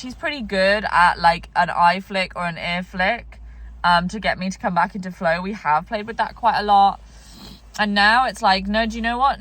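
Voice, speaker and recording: A woman's voice: mid-range voice, a bit bright, dry recording. A tired woman thinking aloud in a rambling vlog monologue about horse training, with many fillers and restarts. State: tired, yawning.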